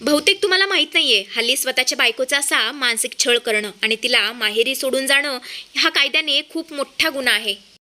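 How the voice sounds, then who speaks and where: A sharp, fearless young daughter-in-law, as a woman narrator puts her on, defiant and confrontational. High and bright, with a cutting edge. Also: lively intonation, a little fast, heavily acted.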